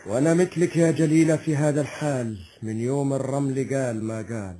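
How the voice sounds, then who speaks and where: An actor playing a troubled, resigned warrior prince in a solemn folk epic drama. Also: male voice, mid-range voice, fairly quick, dark tone, natural voice.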